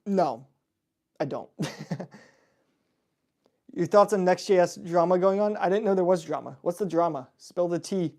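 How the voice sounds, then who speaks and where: A young man hosts a laid-back livestream Q&A, answering questions he reads from viewer chat. His voice sits high and is a little mellow; he speaks at a moderate pace, pauses often, and fills his talk with laughs and fillers.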